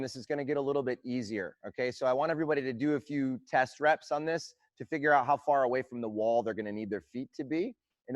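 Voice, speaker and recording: A young man coaching an online workout class, explaining squat technique and counting slow tempo reps aloud in an encouraging way. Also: medium pitch, no room sound. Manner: encouraging, counts reps loudly in a steady cadence. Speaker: fitness coach. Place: gym.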